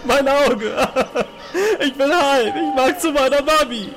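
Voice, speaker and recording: A woman's voice: sits high, slow pace. A performer with a woman's-sounding voice playing a whiny, childish bogeyman, wailing in a comedic audio drama. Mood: wailing, panicked. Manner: wailing, babyish, exaggerated. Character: whiny, childish beaten bogeyman wanting mummy.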